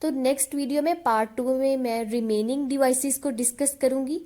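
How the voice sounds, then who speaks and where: A woman's voice: sits high, steady tone, mellow. A woman explaining literature lessons in Hindi with English terms, patient and checking in with her students often. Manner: reads English definitions slowly and deliberately.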